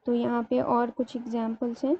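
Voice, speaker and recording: Lady teacher walking through grammar steps, kinda flat tone, muffled lo-fi audio with a bit of hiss. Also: on the high side. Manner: explains step by step, slows to spell out words. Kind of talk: grammar lesson. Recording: dull lo-fi sound, faint room noise.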